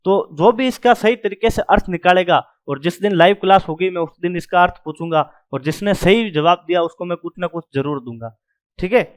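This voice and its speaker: A man's voice: sits high, brisk. A male grammar teacher lecturing a class at a whiteboard, who sounds out the letters aloud and keeps checking in his students. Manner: drills sounds aloud, repeats "ठीक है" often.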